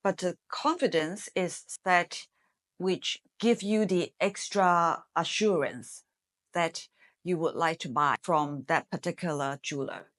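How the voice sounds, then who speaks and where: Slow, measured woman from Hong Kong. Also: fairly low pitch, fairly bright tone. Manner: measured, explanatory, with some fillers. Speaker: marketing executive, interview guest. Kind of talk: business interview answers.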